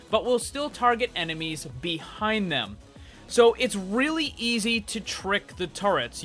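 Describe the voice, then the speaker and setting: Speaking directly to viewers, a male gaming news host gives an upbeat scripted rundown with emphatic, casual energy. He pitches his voice high, and it sounds pushed and bright.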